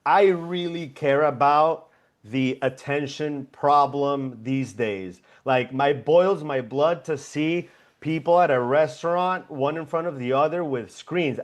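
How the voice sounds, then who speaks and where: A young man from Venezuela, a founder being interviewed over a video call, talking reflectively with many fillers. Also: fairly high pitch. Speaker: guest founder. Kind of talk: casual interview.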